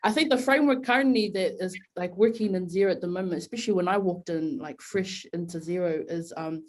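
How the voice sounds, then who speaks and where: A woman speaking as a panelist on a video call, upbeat and quick to laugh. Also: lowish voice, poor audio. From New Zealand. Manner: upbeat, bubbly, laughs easily. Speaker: panelist, developer evangelist. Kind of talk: casual panel talk.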